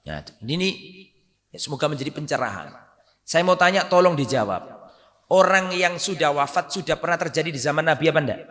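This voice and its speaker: A man's voice: animated, brisk. Emphatic preacher man in a reverberant hall. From Indonesia. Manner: emphatic, rising to loud stress then dropping low. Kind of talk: sermon.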